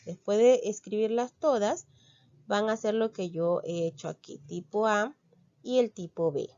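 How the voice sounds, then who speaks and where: A woman's voice: medium pitch, mellow, lo-fi sound. A woman teacher working through a textbook lesson for children, patiently explaining step by step and checking in with her pupils as she goes. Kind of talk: classroom lesson walkthrough.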